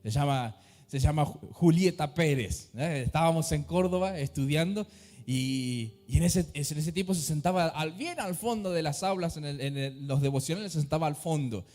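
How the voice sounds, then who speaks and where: A man's voice: a little high, moderate pace, darkish tone, long reverb tail. A man with an Argentine accent preaching a sermon as pastor, acting out the voices of people in his stories.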